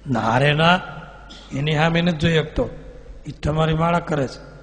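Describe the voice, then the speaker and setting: Man doing a stubborn demon spirit, boastful, refusing, higher voice, hall echo. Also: unhurried, lightly acted. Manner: defiant, insistent refusals. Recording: reverberant hall.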